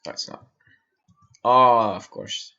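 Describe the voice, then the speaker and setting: Man, slow and bright-voiced, muttering to himself, live-stream tutorial, dull lo-fi sound. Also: mid-range voice, fairly even intonation, vocal fry, clean tone. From Austria. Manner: mutters to himself while working, answers chat questions. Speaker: streamer building a stage in design software.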